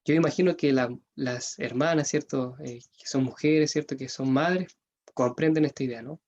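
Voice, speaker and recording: A man with a Chilean accent preaching a sermon, earnest, rising in pitch and force when he appeals to parents. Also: moderate pace, darkish tone, muffled recording.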